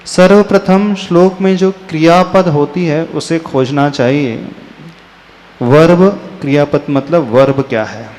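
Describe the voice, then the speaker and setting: A man, a Jain monk, teaching a scripture class, who patiently corrects pronunciation and chants verses in a drawn-out tune. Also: on the high side, a little mellow. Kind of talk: slow sermon-style class with chanted verses. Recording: hall reverb with faint ambient noise.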